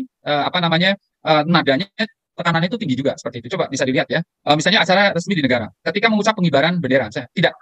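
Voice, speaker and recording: A man's voice: a little high, sharp tone, dry recording. A man who trains people in event protocol, answering questions in an online meeting and repeating his key points as he explains. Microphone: video call.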